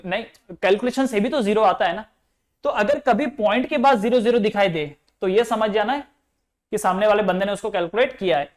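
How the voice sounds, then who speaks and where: A young man teaching physics in Hindi with English terms mixed in, explaining step by step and asking his students questions. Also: high voice. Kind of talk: classroom lecture.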